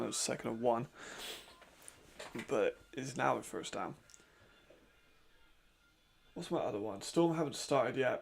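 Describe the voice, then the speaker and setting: A man with hay fever hosts a watch-along, offering casual live commentary in a raspy, medium-pitched voice. He's chatty and laughs often.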